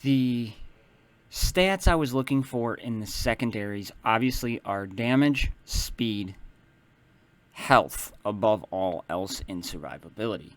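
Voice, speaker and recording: A man's voice: on the low side, takes it slowly, dry recording. Dry-voiced man explaining a game build. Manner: relaxed, explanatory, starts many lines with "so"; self-correcting, loose phrasing. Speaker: mobile game guide maker. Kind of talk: casual game strategy walkthrough.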